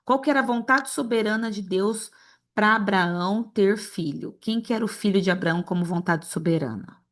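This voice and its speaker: A woman's voice: medium pitch, normal speed. A woman from Brazil teaching an informal Bible lesson to an online group. She talks straight to the group and acts out little dialogues as she goes.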